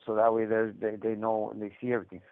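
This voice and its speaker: The caller is a prison inmate whose low-leaning voice comes out monotone and fast, with no room sound, through a tinny, band-limited phone line. His unscripted personal story is conversational and repetitive, full of filler like "man" and "you know."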